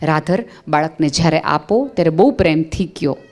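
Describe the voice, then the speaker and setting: A woman's voice: low-pitched, animated, normal speed, a little mellow. A woman from Gujarat giving a motivational speech on parenting, telling stories expressively and repeating phrases for emphasis. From Gujarat, India. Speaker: motivational speaker.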